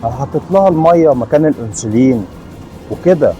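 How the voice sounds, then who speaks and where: Brief: actor as a sly, greedy Egyptian son, smooth-talking and defensive, rapid mid-pitched voice. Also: male voice, animated, lo-fi sound, faint music behind, lightly acted. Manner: falsely sweet, then defensive and sly. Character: greedy son scheming against his mother.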